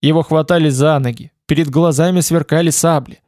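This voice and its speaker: A man narrating an adventure novel aloud as an audiobook, in steady storytelling. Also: a little high, a little fast, no room sound, clean studio sound. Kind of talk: scripted narration.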